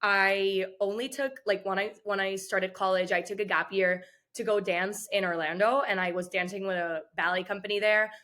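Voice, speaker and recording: A woman's voice: mid-range voice, steady tone, normal speed, few pauses. A woman in her twenties from Puerto Rico, a dancer answering interview questions in a chatty way, with frequent "like" fillers. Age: 20s. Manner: chatty, many "like" fillers, soft-spoken. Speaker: guest, dancer.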